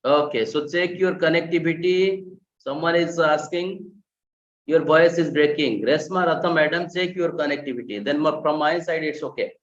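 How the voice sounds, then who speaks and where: A man's voice: fairly high pitch, moderate pace, echoey room, far from the mic, lo-fi sound. A man teaching an online class, explaining with rhetorical questions and repeating key phrases. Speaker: lecturer. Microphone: video call.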